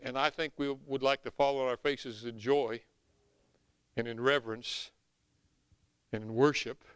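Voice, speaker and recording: A middle-aged or older man with a Southern US accent preaching an animated sermon in an emphatic, folksy way. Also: medium pitch, measured pace, clean tone, no room sound. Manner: emphatic, folksy, swinging from hushed asides to shouts. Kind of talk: animated sermon with scripture reading.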